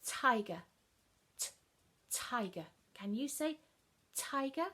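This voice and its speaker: Woman, phonics teacher for small children, unhurried and breathy, sounding letters out carefully. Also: mid-range voice, sing-song. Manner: slow, sounding out letters, coaxing children to repeat.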